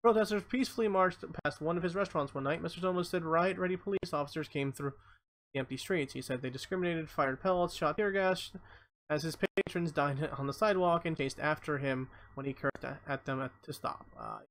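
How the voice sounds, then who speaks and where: A man's voice: a little high, brisk, a bit bright, poor audio. Blunt man reading news on a stream. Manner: stumbling over words, blunt and profane asides. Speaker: live streamer. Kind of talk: reading news aloud with commentary.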